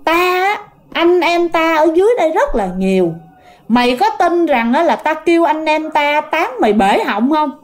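A woman's voice: high-pitched, expressive, moderate pace, voice pushed up. A woman voicing a demon possessing a teenage girl, speaking arrogantly and threateningly in a storytelling. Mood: commanding.

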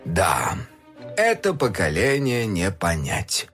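Brief: a man doing a fussy, self-satisfied paleontologist dad in a storybook, lively sing-song lilt. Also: fairly low pitch, normal speed, soft background music. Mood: grumbling. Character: cheerful absent-minded paleontologist father, middle-aged. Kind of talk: storybook reading.

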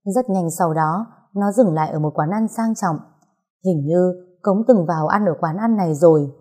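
Woman narrating a story, husky, low, mellow, expressive. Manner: lively, expressive reading.

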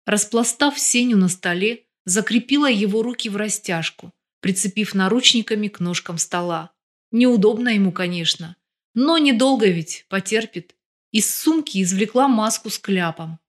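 A woman narrating a crime novel as an audiobook, telling the story in an even, expressive way. Her voice sits at a middling pitch for a woman. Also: moderate pace. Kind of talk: fiction audiobook reading.

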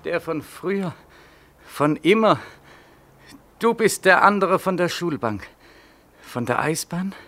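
Cast a high, bright-voiced desperate young ex-soldier, agitated, in 1940s radio drama style. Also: male voice, lively intonation, slow, long pauses, heavily acted. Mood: desperate defiant. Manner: agitated, defiant, shouting back.

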